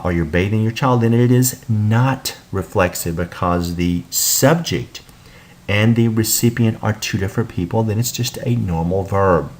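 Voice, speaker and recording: In this recorded Spanish lesson, the instructor's voice sits low. He takes a patient approach, going over each example more than once and then giving the translation.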